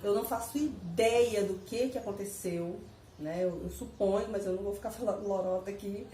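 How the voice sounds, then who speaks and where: A woman casually telling her viewers a personal story, animated and repetitive, laughing as she goes. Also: mid-range voice, fairly quick, a little hiss or hum. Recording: echoey room, mic at a distance.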